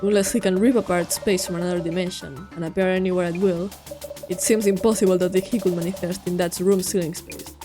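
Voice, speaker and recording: A woman voicing a calm, theatrical male detective, reading a visual novel aloud with measured, grandly formal questions. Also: lowish voice, music in the background, voice pushed down, close to an everyday voice. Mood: probing.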